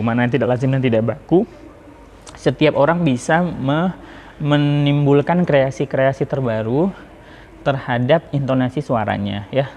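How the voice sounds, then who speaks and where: A man talks through a lesson on how to deliver a sermon, in a loose, chatty manner full of fillers and restarts. His voice sits at an ordinary middle pitch. A faint hiss runs underneath. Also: a little mellow. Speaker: public speaking teacher. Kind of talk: informal lesson on preaching delivery.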